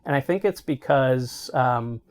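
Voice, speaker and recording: This interview features a middle-aged man in the role of healthcare marketing executive, explaining at a measured pace in a mid-range, slightly mellow voice. He frequently checks in by asking "right?".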